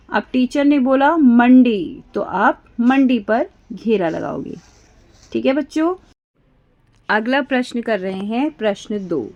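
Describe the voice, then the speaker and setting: A woman teacher walking young pupils through a worksheet lesson, patiently repeating words slowly and asking them to listen closely. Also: on the high side, darkish tone, muffled recording.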